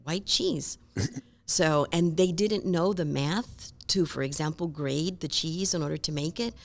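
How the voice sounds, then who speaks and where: A woman from Rico, a guest telling lively stories in an interview and acting out other people's voices. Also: sits low, measured pace, vocal fry. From Puerto Rico. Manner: animated, acts out voices and accents in stories. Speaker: guest speaker. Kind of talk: conversational interview storytelling.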